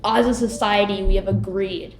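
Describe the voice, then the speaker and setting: A woman's voice: medium pitch, fairly even intonation, normal speed, a crowd in the background. Casual young woman in an echoey room. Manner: informal, rambling, opinionated. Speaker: audio tour participant. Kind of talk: casual chat. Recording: roomy echo, music behind.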